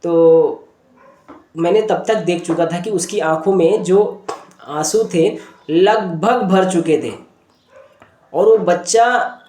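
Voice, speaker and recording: A man, a homeopathic doctor, teaching through a patient case story in an unhurried way, often pausing to check in with his listeners. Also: high voice, warm tone, echoey room, a little hiss or hum.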